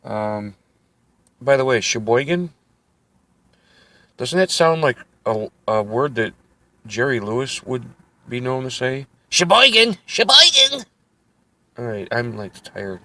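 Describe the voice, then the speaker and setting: A man's voice: medium pitch, unhurried, long pauses, a bit bright. A middle-aged man talking casually to the camera while driving, rambling from one joke and aside to the next. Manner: rambling, jokey, self-interrupting. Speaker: vlogger. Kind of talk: casual road-trip monologue. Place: inside a car on the road at night. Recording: car engine and road noise.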